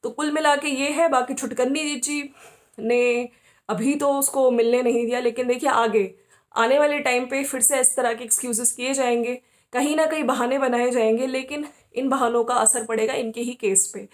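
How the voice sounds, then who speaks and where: A woman hosts casual opinion commentary in a high-pitched, steady voice at normal speed. She's conversational and often seeks agreement with tag questions.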